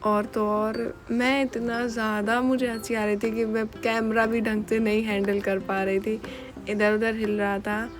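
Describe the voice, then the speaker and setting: A woman's voice: fairly high pitch, flat delivery, measured pace, faint music behind. A young woman narrating a casual home vlog, telling a story in a chatty, giggly way. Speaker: vlogger.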